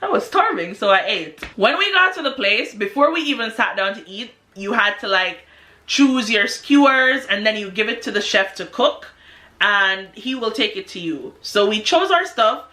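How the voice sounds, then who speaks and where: A young adult woman vlogger telling a story in an animated, casual way, peppered with "like". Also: mid-range voice, normal speed. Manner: animated, exclamatory storytelling with many "like"s. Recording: echoey room.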